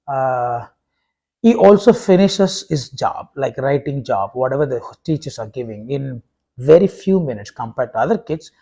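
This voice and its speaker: Husky and warm at a medium pitch, this man from India, a native Tamil speaker, is a vlogger and preacher giving a casual talk to camera. He stumbles along haltingly, restarting often and filling gaps with "uh."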